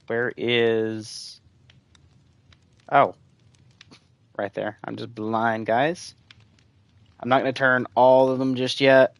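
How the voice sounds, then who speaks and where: A man's voice: mid-range voice, clear, resonant tone, dry recording. A man streaming a video game, rambling casually and chatting with his viewers as he plays. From United States. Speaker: gaming streamer. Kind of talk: casual gameplay commentary.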